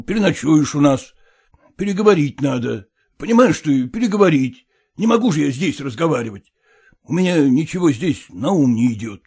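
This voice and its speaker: A man voicing a stern elderly father who coaxes his daughter in a gruff, insistent way. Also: on the high side, a little mellow, full character voice.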